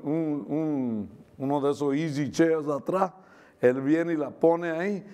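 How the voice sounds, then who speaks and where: A man's voice: on the high side, warm tone. A middle-aged male preacher giving a sermon with personal testimony, talking conversationally with frequent tag questions and bits of English mixed in.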